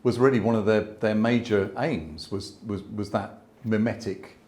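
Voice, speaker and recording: Older man, low voice, photographer, hesitant conversational talk, gallery audience. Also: steady tone, normal speed, darkish tone. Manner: thoughtful, hesitant, with many restarts and asides. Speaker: landscape photographer. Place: exhibition space before an audience.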